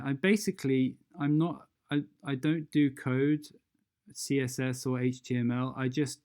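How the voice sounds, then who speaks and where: Working through the software steps out loud, the presenter sounds hesitant and unhurried. The tone is gentle and mellow and the pitch mostly level in this unscripted walkthrough.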